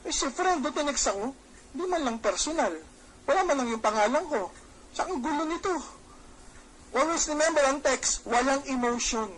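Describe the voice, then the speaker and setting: A middle-aged man giving a Taglish seminar talk as a marketing trainer, lively, asking his audience questions and acting out bits of dialogue. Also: very high-pitched, normal speed, slight background noise, low-quality recording. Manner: lively, acts out quoted dialogue.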